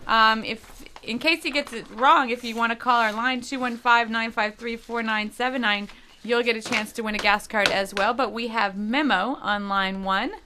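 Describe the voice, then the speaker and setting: A woman hosting a morning radio show with a bright, ringing voice that sits a touch high. She chats casually, teasing callers and co-hosts and laughing often. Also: fairly even intonation, normal speed, a little hiss or hum.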